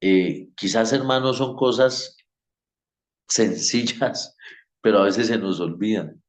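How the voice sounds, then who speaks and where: Slow, low-voiced church teacher, roomy echo. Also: male voice, darkish tone. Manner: slow, conversational, many filler pauses. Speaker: homiletics teacher.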